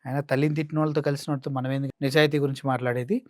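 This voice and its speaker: A man's voice: mid-range voice, flat delivery, racing, no room sound, clean studio sound. A man with a Coastal Andhra Telugu accent giving mocking, sarcastic political commentary. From Andhra Pradesh.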